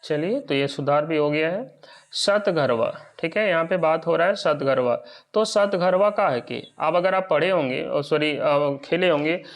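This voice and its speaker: A man's voice: on the high side, measured pace. A man teaching an exam lesson. He often checks whether his listeners are following.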